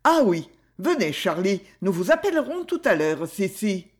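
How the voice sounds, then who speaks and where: A woman's voice: mid-range voice, very animated, moderate pace, natural voice. Woman playing a genial old lord. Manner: genial and courteous.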